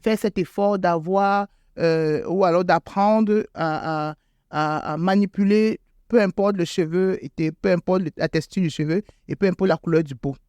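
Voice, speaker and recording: Her low, darkish voice holds a steady tone at a moderate pace as this interview guest, a salon owner with school-age kids, hesitates through answers with fillers and repetitions. She jumps sharply in pitch to emphasize points, and the studio sound is clean and echo-free.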